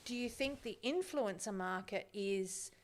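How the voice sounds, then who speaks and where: Mum on a podcast, curious, asking questions, easygoing chat. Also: female voice, medium pitch, a little slow. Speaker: podcast guest.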